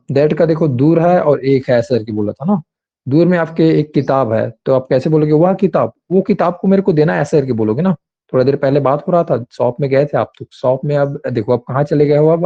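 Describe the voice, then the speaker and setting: Guy teaching grammar, slow patient explaining, kinda warm dark voice, muffled lo-fi audio. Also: medium pitch, vocal fry. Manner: patient, repetitive explaining with many fillers. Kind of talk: online class lecture.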